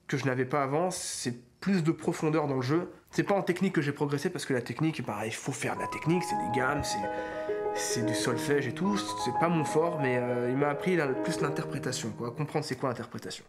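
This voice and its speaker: Brief: man in his thirties, casual vlog storyteller, lively and self-mocking, mid-range voice, loud music under him. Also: medium pitch, a little fast. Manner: animated, acts out dialogue, self-mocking. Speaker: YouTuber. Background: loud background music.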